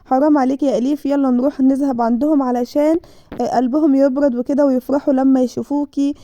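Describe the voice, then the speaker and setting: A woman's voice: high-pitched, fairly even intonation, fast talker, dark tone, dry recording, lightly acted. A woman voicing a protective motherly older woman who coaxes and stands firm, with an Egyptian Arabic accent. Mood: coaxing. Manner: coaxing, firm. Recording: dull dry lo-fi recording.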